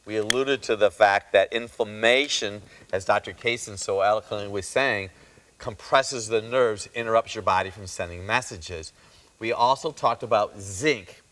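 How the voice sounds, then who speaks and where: A man hosting a health talk show as a chiropractor, speaking emphatically and slowing down to stress his points. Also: fairly low pitch, fairly bright tone.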